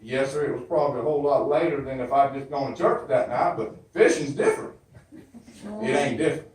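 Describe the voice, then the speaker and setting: Speaking a little fast in a slightly mellow, mid-range voice, a man with a Southern US accent acts out one half of a phone call as a flustered churchgoer. The folksy comedy monologue has him stammering and repeating himself, recorded on a distant mic in a very echoey hall.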